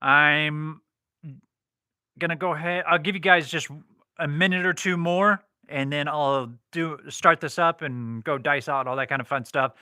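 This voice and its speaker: Casting: male craps table caller for a casual livestream, very bright forward voice, slightly high-pitched, game commentary style. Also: fairly even intonation, a little slow, clean tone, no echo, studio quality. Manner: craps table caller, calling rolls and bets. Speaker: livestream host running an online craps game.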